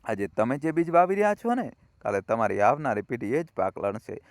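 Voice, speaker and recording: A man's voice: medium pitch, sing-song, a little fast, no room sound. A male storyteller narrating an emotional family tale in a heartfelt, moralizing way, often addressing his listeners as friends.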